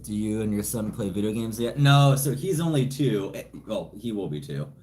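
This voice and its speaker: Speaking low with lively intonation, a darkish tone, and a moderate pace, a man from California runs an informal livestream Q&A from his home. He reads viewer comments in a rambling, self-deprecating way into a phone set a bit away from him, with a slight hiss or hum audible.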